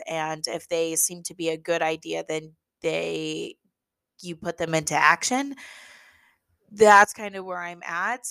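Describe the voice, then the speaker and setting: A woman's voice: on the low side, fairly bright tone. A young woman hosting a podcast, chatting casually and with self-deprecating humor about running a business, with frequent fillers and restarts. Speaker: podcast host, venue owner. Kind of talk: casual solo podcast talk.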